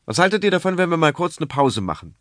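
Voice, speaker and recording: A man's voice: a little high, big pitch swings, fast talker, fairly bright tone, dry recording, clean studio sound, pitched above the performer's own voice. A man voicing a mild father who stumbles a little while ordering at a snack stand. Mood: hesitant. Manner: hesitant, stumbling. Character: mild hesitant father on a family trip.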